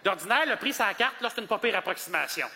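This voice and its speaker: High, animated Québécois stand-up comic. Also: male voice, quick pace. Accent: Québécois French. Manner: animated, acts out customers in high voices. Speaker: stand-up comedian. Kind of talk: stand-up comedy routine. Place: comedy gala stage. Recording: live hall reverb, faint noise.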